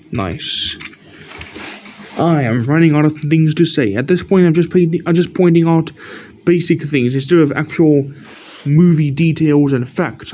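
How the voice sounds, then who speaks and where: A man with a somewhat high, mellow voice talks through his collection in a casual, halting ramble, pointing out little details one at a time. He sounds tired and keeps breaking off to yawn. The recording is dull and lo-fi. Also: slight background noise. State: tired, yawning often. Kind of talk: casual show-and-tell narration.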